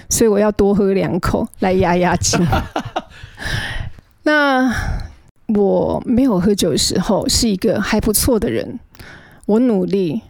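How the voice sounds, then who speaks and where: A woman's voice: medium pitch, vocal fry, darkish tone, no echo. A middle-aged woman, earnestly recounting her own past as a guest and often stammering as she restarts her sentences. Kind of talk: emotional personal storytelling.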